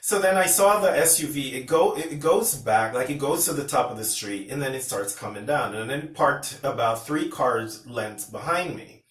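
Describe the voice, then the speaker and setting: With a mid-range voice, normal speed, and few pauses, this Pennsylvania man rambles through a personal story for his vlog, restarting sentences and repeating dialogue. The mic is distant, giving a roomy sound.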